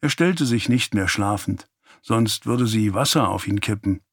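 A man reading a novel aloud as an audiobook narrator, calm and even. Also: fairly low pitch, measured pace, husky, no room sound, studio quality. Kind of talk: scripted narration.

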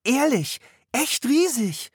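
A man voicing an eager young girl in a storybook reading, with bright excited exclamations. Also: high voice, moderate pace, breathy edge, no room sound, studio quality, pitched above the performer's own voice, exaggerated voice.

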